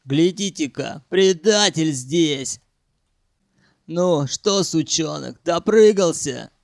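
A rough, crude captive barks and swears at the others, as a man acts him out. The read is loud but close and dry, with no room sound, in an audiobook. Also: a little high, animated, slow pace, no room sound, full character voice. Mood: angry, shouting. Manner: shouting, swearing.

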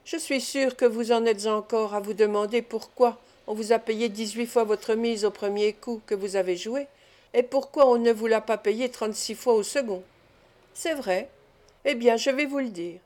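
A woman's voice: fairly high pitch, darkish tone, lightly acted. A woman reading the part of an old Italian prince, a ceremonious and persuasive gambler, in an audiobook.

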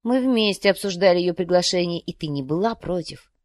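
A woman's voice: lowish voice, a little fast, darkish tone, dry recording, natural voice. A woman reading the part of a jealous, bitter husband, talking in an angry, clipped way.

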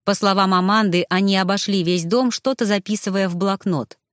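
Female audiobook narrator, measured and even, dry close-mic read. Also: medium pitch, no room sound. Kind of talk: first-person fiction narration.

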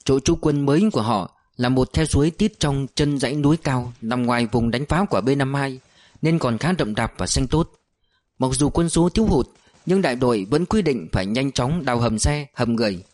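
A man narrating an audiobook in a steady, measured storytelling voice. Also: medium pitch.

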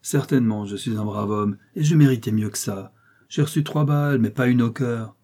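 Man voicing a grieving old farmer, husky. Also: medium pitch, moderate pace, warm tone, natural voice. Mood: bitter. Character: grieving old male farmer, bitter and tearful.

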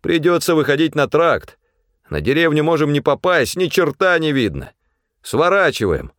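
A man voicing a stubborn, rough-spoken male guide who barks orders over a storm. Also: on the high side, sing-song, unhurried, dry recording, clean studio sound, voice pushed up. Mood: angry commanding. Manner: coarse, bossy, shouting over wind.

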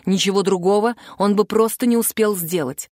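Female audiobook narrator, measured and even, dry close-mic sound. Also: mid-range voice, dry recording.

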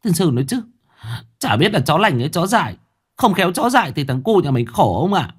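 A man's voice: a little high, big pitch swings, a little fast, slightly rough, voice pushed up. A man voicing a fretful middle-aged village mother who scolds and worries, in a spoken ghost story. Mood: worried.

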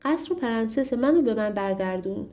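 A woman's voice: a little high, expressive, mellow, natural voice. A woman voicing a young male hero in a storybook, pleading and determined. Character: young hero, desperate but determined man.

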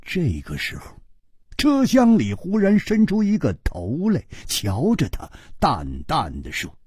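Husky, dramatic male storyteller. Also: wildly swooping pitch, slow, dry recording, studio quality. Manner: dramatic, acts out each figure, wide swings in pitch and loudness. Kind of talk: traditional Chinese storytelling.

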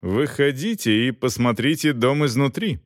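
A man voicing a gruff knight who talks in a dry, unhurried, commanding way in an audiobook. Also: mid-range voice, animated, no room sound, close to an everyday voice. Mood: mocking. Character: gruff, mocking knight, weary after a long ride.

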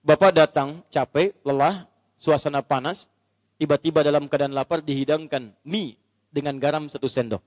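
A male Islamic preacher giving a sermon in lively, animated storytelling that acts out the characters. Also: a little high, moderate pace, dry recording, in a large hall.

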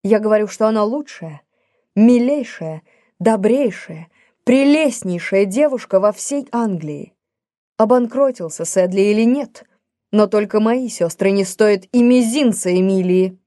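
A woman reading the part of a defiant young gentleman in an audiobook, speaking in a passionate, declamatory way. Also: mid-range voice, animated, measured pace, no room sound, clean studio sound, close to an everyday voice.

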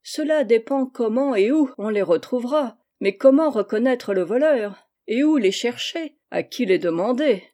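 A woman reading a storybook voices a kindly but stern older gentleman who speaks in a measured, gently admonishing way. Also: a little high, expressive, natural voice.

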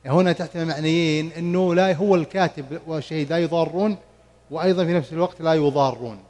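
A man teaching Quran commentary in a mosque study circle, slowly drawing out the verses he recites and quizzing his students as he explains. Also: on the high side, darkish tone. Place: mosque lesson hall.

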